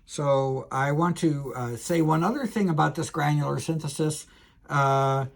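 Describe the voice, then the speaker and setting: A man with a creaky, somewhat high voice speaks at a measured pace and a steady tone. Lecturing as a professor on a technical subject, he explains step by step, hesitantly thinking aloud and correcting himself.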